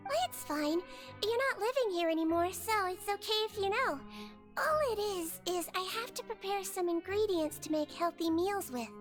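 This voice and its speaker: A woman voicing a small, gentle, matter-of-fact female nurse creature with a childlike voice in a video game. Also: very high voice, animated, normal speed, soft background music. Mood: earnest. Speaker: doctor.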